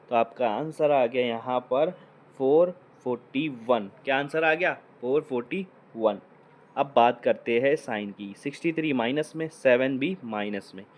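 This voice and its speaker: A man's voice: mid-range voice, a little mellow. A man teaching a maths class, who keeps asking questions and answering them himself, repeating each step. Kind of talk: whiteboard maths lesson.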